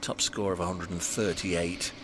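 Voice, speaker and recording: Low-voiced male cricket commentator, noisy background. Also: steady tone, moderate pace. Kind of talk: conversational cricket commentary with statistics. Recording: clear background noise, match ambience.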